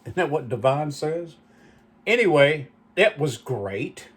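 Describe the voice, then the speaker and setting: A man's voice: fairly high pitch, animated, takes it slowly, a bit bright, husky. A man hosting his own channel, telling rambling, nostalgic stories with lots of asides. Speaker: channel host. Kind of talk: rambling reminiscing monologue.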